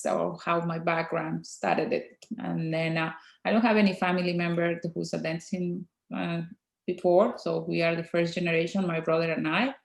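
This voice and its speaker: A woman in her forties from Mexico with a Mexican Spanish accent, a native Spanish speaker, answering interview questions as a guest dentist in a soft, halting way with many fillers. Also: on the low side, vocal fry, echoey room.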